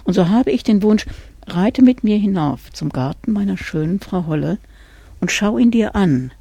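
A woman's voice: medium pitch, lively intonation, moderate pace, vocal fry, mellow, husky, no echo. Woman telling Junker Tod, a coaxing Death. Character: Death as a sad young nobleman, persuasive.

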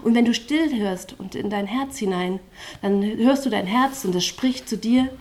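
A woman's voice: medium pitch, normal speed, darkish tone. A woman performing spoken-word poetry on a live stage without a microphone, with rhythmic delivery and stuttering, chant-like refrains.

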